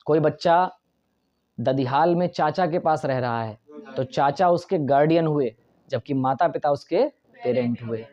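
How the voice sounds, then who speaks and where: Male grammar teacher, classroom lecture, checks often that students follow, mellow tone, dull lo-fi recording. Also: a little high, unhurried. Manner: keeps checking if students understand; explains in Hindi mixed with English terms.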